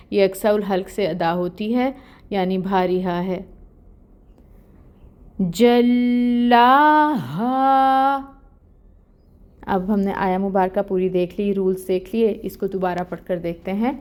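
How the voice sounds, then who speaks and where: A woman's voice: medium pitch, fairly even intonation, mellow. A woman teaching Quran recitation rules, explaining each letter patiently and step by step. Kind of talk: step-by-step tajweed lesson.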